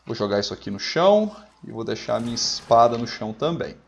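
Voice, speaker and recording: A man's voice: mid-range voice, big pitch swings, quick pace, gravelly, slight background noise. A man with a Brazilian Portuguese accent giving playful, mock-melodramatic let's-play commentary and barking orders. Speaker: gameplay commentator.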